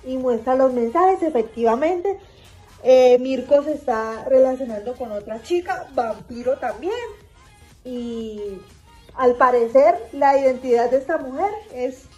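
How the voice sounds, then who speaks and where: A woman's voice: high-pitched, a little slow, darkish tone, faint music behind, rough recording. A young woman vlogging in character as a pregnant vampire mom, retelling events chattily with lots of fillers and repeats. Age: young adult. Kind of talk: in-character vlog storytelling.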